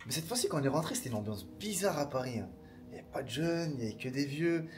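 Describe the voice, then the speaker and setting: A man's voice: mid-range voice, animated, darkish tone, a little hiss or hum. A young man and husband chatting casually in a travel vlog, teasing and stubborn. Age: young adult. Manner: fast-talking, teasing, stubborn. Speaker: vlogger, husband.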